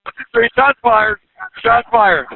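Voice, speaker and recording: Lively-pitched officer over walkie-talkie. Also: male voice, measured pace, no echo. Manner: terse, clipped radio calls. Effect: heard over a police walkie-talkie radio. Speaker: police officer on patrol. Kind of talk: police radio traffic. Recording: tinny, dry radio channel.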